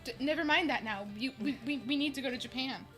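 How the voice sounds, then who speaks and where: A young woman with a bright, fairly high voice chats excitedly on a gaming stream. She stammers and restarts as her words tumble out. Faint game music sits in the background. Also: fast. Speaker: streamer co-host. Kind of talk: casual gaming stream chat.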